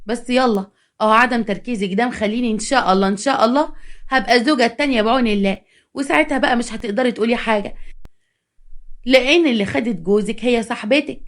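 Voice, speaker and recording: A woman's voice: a little high, quick pace, close to an everyday voice. A woman with an Egyptian accent voicing a sly, sarcastic young woman who schemes against her friend. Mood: scheming. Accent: Egyptian Arabic.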